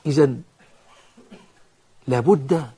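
A man with an Egyptian accent preaching a sermon, stressing words hard and then dropping to hushed, drawn-out phrases. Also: medium pitch, husky. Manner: emphatic, swings between loud stresses and hushed, drawn-out phrases.

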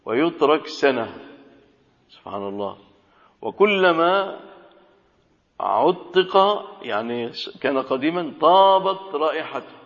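Sheikh teaching a text, reads then explains in plain talk, long hall echo, dull lo-fi sound. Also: male voice, a little high, gravelly. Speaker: Islamic scholar teaching a classical text. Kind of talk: religious lesson, reading and explaining a text.

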